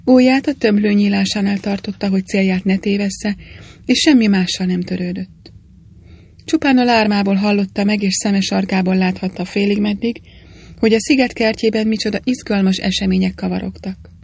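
A woman narrating a story aloud at a steady, even pace. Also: mid-range voice, creaky, slightly rough. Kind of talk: storybook reading.

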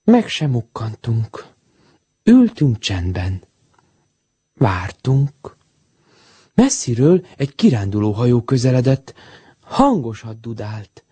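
A man reading a children's story aloud, full of expression and animation. His voice climbs and dips with a lot of life, and the tone is warm and mellow with a slightly husky edge. The sound is dry and close. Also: medium pitch, big pitch swings, long pauses, no room sound.

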